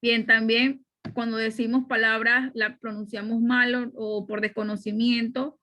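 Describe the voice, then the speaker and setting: A middle-aged woman with a slightly high, bright, forceful voice teaches a spoken grammar lesson over slides at a measured pace and in a level tone. She explains things step by step, uses fillers, and keeps checking in with listeners with a frequent "¿ya?".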